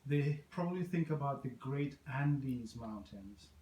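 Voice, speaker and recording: A man's voice: mid-range voice, expressive, unhurried, warm tone, roomy sound, slight background noise, low-quality recording. A man from Trinidad and Tobago hosting an interview, encouraging his guest and repeating answers back. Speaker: interviewer host. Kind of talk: interview conversation.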